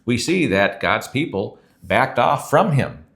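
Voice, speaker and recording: A man's voice: mid-range voice, big pitch swings, takes it slowly, gravelly, a bit bright. A man who is a pastor, teaching a sermon in an earnest, conversational way and reading scripture aloud.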